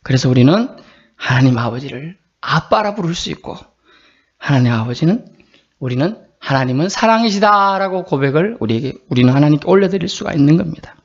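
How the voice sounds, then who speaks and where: A male pastor preaching a sermon in an earnest, conversational way, sometimes acting out quotes in a high voice. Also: lively intonation, a little fast, a little mellow, slightly rough, highs cut off.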